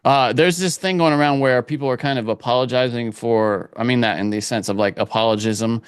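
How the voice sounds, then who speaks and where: A man's voice: medium pitch, fairly even intonation, fairly quick, smooth, no echo, clean studio sound. A man guesting on a podcast, talking in an easygoing way and explaining things in a roundabout manner. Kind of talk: casual podcast chat.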